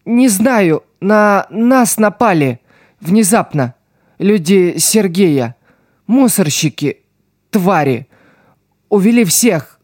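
Man voicing a dying street girl, slow and faint. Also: high-pitched, expressive, darkish tone, dry recording, studio quality, voice pushed up, heavily acted. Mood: weak, urgent. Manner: slow, strained, fading speech. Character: wounded street girl, weak, dying, calm. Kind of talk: audiobook reading.

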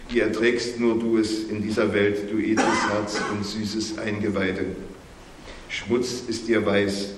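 A man voicing an old male jackal elder who pleads solemnly, in a measured, plaintive storybook reading. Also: lowish voice, level tone. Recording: roomy recording with faint hiss.

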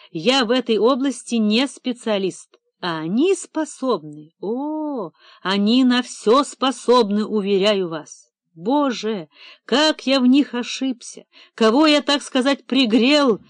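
A woman's voice: a little high, takes it slowly, dry recording, studio quality. Woman playing a trembling, theatrical male administrator. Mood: indignant. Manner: excitable, indignant, voice trembling. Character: nervous, theatrical middle-aged male administrator. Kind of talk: audiobook character reading.

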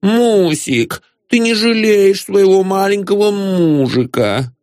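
Man doing a high whiny engineer voice, wheedling, singsong, lively pitch, audiobook. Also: takes it slowly, no echo, studio quality. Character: excitable plump middle-aged male engineer, greedy.

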